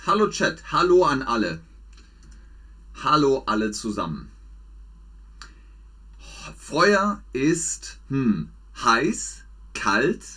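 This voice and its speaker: Male German teacher for a live chat: husky, slow, sing-song drilling. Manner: slow, repetitive, exaggerated drills with lively pitch swings. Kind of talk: slow, playful language lesson for learners.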